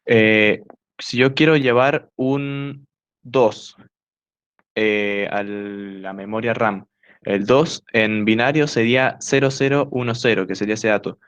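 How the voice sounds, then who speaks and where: A young man giving a hesitant student class presentation, filling pauses with "eh" while pointing things out on a diagram. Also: on the low side, fairly even intonation, fairly bright tone, clean tone. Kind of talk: class presentation explaining computer hardware. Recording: dull lo-fi recording.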